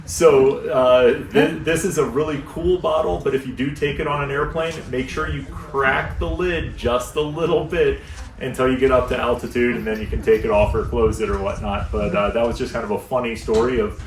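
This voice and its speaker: An American man, a luggage store instructor, giving a relaxed, chatty packing seminar to a live audience in a shop. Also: mid-range voice, normal speed. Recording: echoey room, mic at a distance, faint noise.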